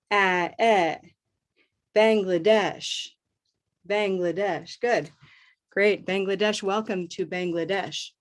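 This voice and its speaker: Upbeat middle-aged American woman, online pronunciation teacher, slow repetitive drilling. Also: mid-range voice. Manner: upbeat, drills words by repeating them slowly. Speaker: host and English pronunciation teacher. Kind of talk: live online pronunciation lesson.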